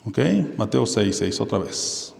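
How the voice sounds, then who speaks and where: A man's voice: on the low side, steady tone, a little slow, gravelly. Male pastor preaching in an echoey hall. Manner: asks the congregation questions and answers them himself. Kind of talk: sermon. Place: church hall. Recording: echoey hall with long reverb.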